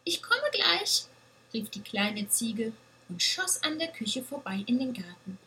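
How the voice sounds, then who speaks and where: Slow, gentle woman storyteller. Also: a little high, low-quality recording. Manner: gentle, expressive read-aloud. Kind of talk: children's story reading.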